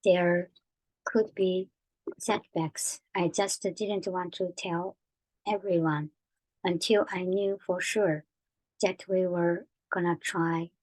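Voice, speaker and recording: An actress in her forties playing a loving, anxious mother who talks softly and haltingly, repeating her words. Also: on the low side, steady tone, rough recording. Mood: tender. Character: tender, anxious mother of a teenage daughter. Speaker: mother in a family drama. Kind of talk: television drama acting.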